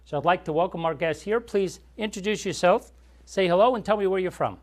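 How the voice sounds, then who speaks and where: This classic movie show host has a high-pitched voice and speaks a little fast. He interviews and chats with young guests in a warm, explanatory style, often asking follow-up questions.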